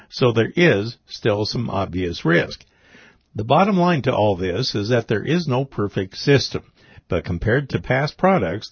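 Male report presenter, husky mid-range voice, scripted commentary, slightly dull recording. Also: mid-range voice, no room sound. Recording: dry, slightly dull audio.

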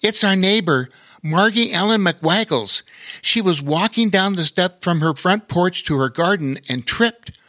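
A man's voice: high voice, lively intonation, a little slow, pushed and bright, pitched above the performer's own voice, full character voice. A man voicing a young boy who talks in a breathless, urgent rush in a storybook reading.

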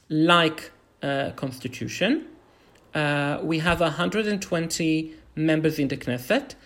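A fairly high-pitched Israeli man, guesting on a podcast, gives informal explanations in English. His phrasing is halting and hesitant, and his accent is that of a native Hebrew speaker.

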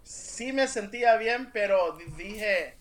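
A man's voice: high-pitched, takes it slowly. A man as a podcast interview guest, telling a personal story earnestly and emphatically, with stumbling restarts. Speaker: interview guest, real estate agent.

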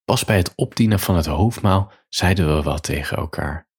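A writer reading aloud his own short story in a calm, reflective way with quiet emotion. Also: sits low, moderate pace, slightly rough. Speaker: writer and writing teacher.

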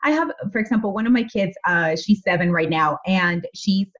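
A woman's voice: medium pitch, moderate pace. A woman in her forties, guest in a casual interview, telling stories candidly and with energy, and swearing freely. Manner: candid, animated storyteller who swears freely. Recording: muffled lo-fi audio.

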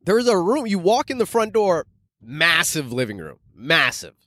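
This podcast host and stand-up comedian is a man in his thirties from Canada who later lived in Arizona. On his casual solo show he tells stories animatedly, swearing, using slang, and addressing listeners as "guys." He speaks at a moderate pace in a fairly high voice, recorded with clean studio sound and no room sound.

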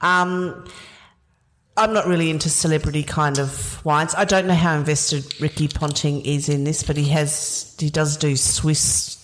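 A woman leading a casual wine tasting, chatty and knowledgeable, explaining flavours with quick laughs. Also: low-pitched, steady tone, a little hiss or hum, poor audio. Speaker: wine educator.

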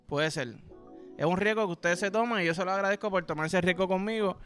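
Puerto Rican guy, young, host; loose, foul-mouthed storyteller with a high, lifted voice. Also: fast talker, a bit bright, soft background music. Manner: profane, rambling storyteller. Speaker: podcast host. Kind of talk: casual comedic monologue.

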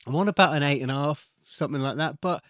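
A man's voice: a little high, quick pace, fairly bright tone, no echo, studio quality. A man co-hosting a film podcast in casual chat, often restarting his sentences and laughing. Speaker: podcast co-host.

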